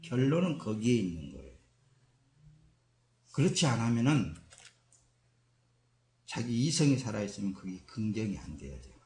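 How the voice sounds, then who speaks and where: A man's voice: on the low side, sing-song, normal speed, long pauses, darkish tone. A man preaching a sermon as pastor, emphatic and dramatic, acting out quoted voices. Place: church sanctuary. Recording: echoey church hall.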